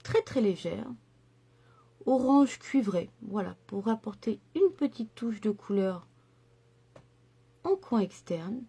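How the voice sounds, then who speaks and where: A woman's voice: mid-range voice, animated, slow pace, vocal fry, long pauses, dark tone, slightly rough. A middle-aged woman chatting enthusiastically through a makeup tutorial, with lots of fillers and asides. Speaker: makeup vlogger.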